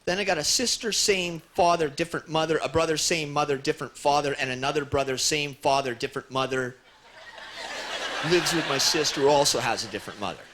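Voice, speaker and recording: A man's voice: on the high side, fairly quick. A young man doing a stand-up comedy routine on stage, telling stories animatedly and acting out the people in them. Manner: animated storytelling, acts out characters, frequent "right?" and "you know?". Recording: loud audience noise in a broadcast stage recording. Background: audience laughter.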